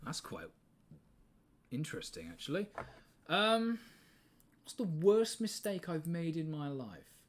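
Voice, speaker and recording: A man's voice: fairly high pitch, big pitch swings, slow pace, long pauses, a little hiss or hum. A man in his twenties with an English accent, hosting a live stream in casual chat, rambling, swearing freely and laughing often. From England. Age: 20s.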